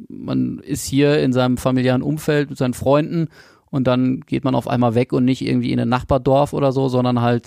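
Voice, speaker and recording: A man's voice: medium pitch, vocal fry, a little mellow, dry recording, studio quality. A man hosting a podcast interview, asking long rambling questions with many fillers. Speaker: podcast host.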